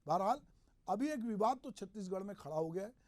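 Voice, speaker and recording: A man hosting a news show, giving measured, explanatory commentary on politics. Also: high-pitched, lively intonation. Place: regional news studio.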